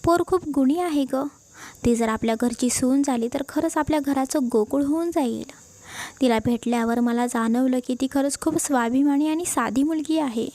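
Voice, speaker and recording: A woman voicing a kind old grandmother who heads the family and talks gently with mild teasing. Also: high-pitched, no room sound. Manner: gentle, affectionate, mildly teasing.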